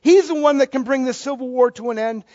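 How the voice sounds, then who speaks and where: A man's voice: very high voice, fast, a little mellow, dry recording. A middle-aged male pastor giving a conversational sermon with joking asides. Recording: dull, dry lo-fi recording.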